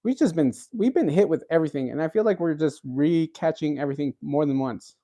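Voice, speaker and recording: Still recovering from a cold, a man in his thirties runs a cooking livestream, reading viewer comments aloud and chatting in a rambling way full of fillers and fresh starts. He sounds slightly high, brisk and mellow.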